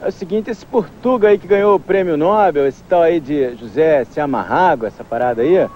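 An actor playing a dim, laid-back Brazilian surfer with a Rio accent and slangy talk in a TV comedy sketch. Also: male voice, on the high side, lively intonation, a little hiss or hum, natural voice. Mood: cool, curious. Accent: Brazilian, Rio de Janeiro. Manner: slangy, drawn-out exclamations. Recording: dull old TV audio with music.

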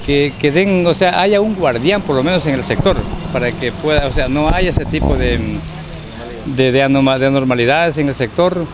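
A man in his fifties who owns a local business speaks indignantly in a street interview, repeating his complaints into a handheld reporter mic. His voice sits on the high side at a moderate pace. Background noise from the busy crowd at the outdoor street market carries through.

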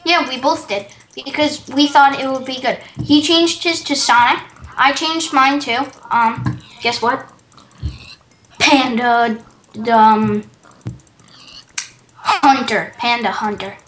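A high-pitched woman doing casual game commentary, chatty and quick to exclaim. Her voice carries the echo of a bare room, with a faint hiss in the background. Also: fairly bright tone. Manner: chatty, quick to exclaim, reads quest text aloud. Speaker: gaming channel host.

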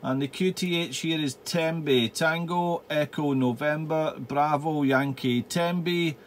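High-pitched man chatting as a radio operator. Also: slow pace, slight background noise. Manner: repeats himself, spells out in phonetic alphabet. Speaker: amateur radio operator, channel host. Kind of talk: amateur radio contact, casual chat. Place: small home radio room.

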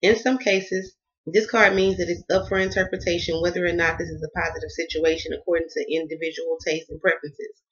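Southern woman, tarot vlogger, bright forceful tone, emphatic and chatty, dull lo-fi home recording. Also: fairly low pitch, little pitch movement, a little fast. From Southern United States. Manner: emphatic, repetitive, addresses viewers as y'all. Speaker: tarot card reader. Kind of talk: casual tarot reading vlog.

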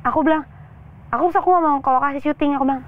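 A woman's voice: high voice, very fast, no room sound. Young woman telling a personal story, tinny sound. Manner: chatty, animated storytelling with quoted voices. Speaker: actress guest. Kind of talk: candid interview talk.

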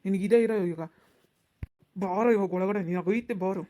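A woman's voice: medium pitch, fairly even intonation, quick pace, mellow, lightly acted. A woman voicing a stern male police officer who scolds and threatens people in a cartoon. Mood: scolding. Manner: scolding, bossy.

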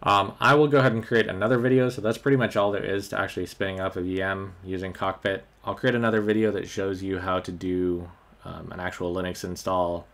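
A man narrates a screen-recorded tech tutorial in a fairly low voice. His talk is loose and unscripted, filled with ums and uhs as he clicks through each step. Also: a little fast. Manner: relaxed, many ums and uhs. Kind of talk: screen-recorded software walkthrough.

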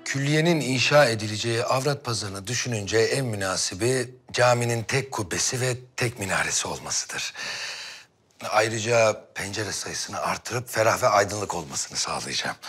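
A man's voice: on the low side, expressive, moderate pace, fairly bright tone, breathy edge. An actor playing a humble, earnest Ottoman court architect in a period drama, speaking respectfully. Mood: earnest explaining. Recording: music under the dialogue.

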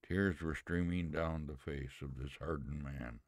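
A man hosting a podcast, reading a story aloud in a plain, unhurried way with homely asides. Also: very deep voice, no room sound, clean studio sound. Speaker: podcast host.

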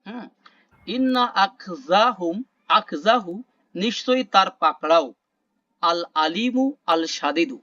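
A man teaching an online class, explaining word meanings slowly, repeating terms and quizzing the class. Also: sits high, lively intonation, bright, forceful tone, dry recording, highs cut off. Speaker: Quran vocabulary teacher. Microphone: video call.

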